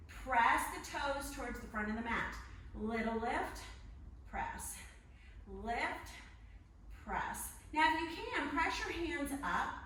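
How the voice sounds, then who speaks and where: A woman's voice: fairly high pitch, a bit bright. A woman leading a workout class as an aerobics instructor, counting and cueing moves in short encouraging commands as she exercises along. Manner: physically exerting while talking. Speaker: fitness instructor. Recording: very echoey room, distant mic, faint noise.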